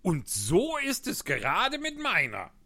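A man voicing an excitable, grumbling hatter in a storybook reading, loud and emphatic. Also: high voice, takes it slowly, gravelly, no room sound, voice pushed up, exaggerated voice.

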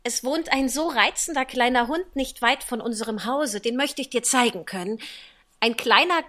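A woman reading the part of Alice, an eager and polite young girl, with a lively, gushing delivery. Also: fairly high pitch, moderate pace, natural voice.

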